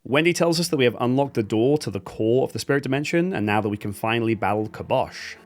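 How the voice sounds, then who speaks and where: A man's voice: mid-range voice, fast. A man giving sarcastic, comedic voice-over commentary on a video game he has played through. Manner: wry, sarcastic, animated, laughs at the game. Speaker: gaming video host.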